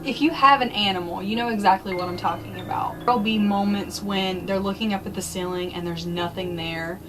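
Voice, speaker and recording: A woman's voice: medium pitch, low-quality recording. Casual woman vlogger over background music. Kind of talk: casual storytelling about eerie happenings.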